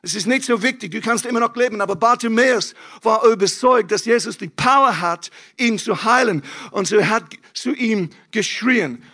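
High, bright-voiced energetic male preacher. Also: normal speed. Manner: energetic and emphatic, with casual slang. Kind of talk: lively sermon. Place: church stage. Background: faint keyboard music.

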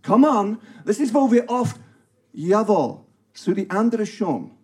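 Animated, husky-voiced male preacher. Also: high-pitched, slow. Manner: mixes English words into German speech; emphatic, calls out to the congregation. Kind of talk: sermon with scripture reading and prayer.

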